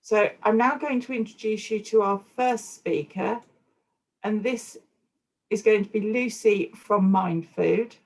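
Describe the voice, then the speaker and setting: A woman hosting a live online session as volunteer coordinator, friendly and steady with some fillers, on a video call. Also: mid-range voice, a little slow, rough recording.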